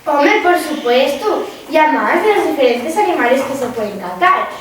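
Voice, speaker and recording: A woman's voice: high voice, expressive, moderate pace. A woman with an Asturian accent playing an earnest, easily hurt countrywoman in a comic stage interview. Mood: matter-of-fact. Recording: very echoey hall, distant, faint noise.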